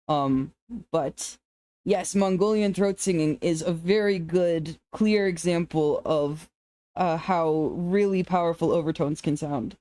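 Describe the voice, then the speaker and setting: A streamer with an androgynous to femme-sounding voice, chatting casually with viewers in a rambling, relaxed way. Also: medium pitch, slow pace, dry recording. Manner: relaxed, rambling, laughs often, restarts sentences.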